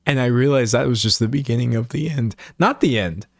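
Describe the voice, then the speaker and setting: A man in his late twenties hosts a livestream, chatting casually to viewers and rambling in an animated, self-mocking way while acting out imagined remarks. His mid-range voice is gravelly, recorded in clean studio quality with no echo.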